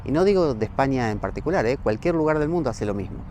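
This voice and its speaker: A man's voice: medium pitch, lively intonation, warm tone, slight background noise. A man, a spiritual teacher giving a short spoken reflection in an emphatic, thoughtful way. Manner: emphatic, reflective, slows down to list words. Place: outdoors, facing a mountain.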